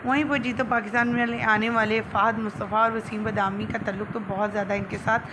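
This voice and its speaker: A woman's voice: on the high side, little pitch movement. A woman with a Pakistani accent hosts an online video channel, narrating news in a presenter's style. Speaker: YouTube channel host. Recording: clearly noisy background.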